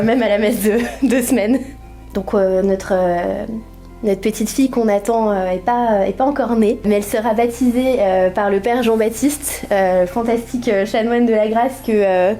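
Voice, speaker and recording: A young woman with a mid-pitched, mellow, warm voice. She speaks in an earnest, reflective way and pauses to find the right words. Faint music plays in the background. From France. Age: young adult. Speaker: wife giving a faith testimony. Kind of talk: casual personal testimony.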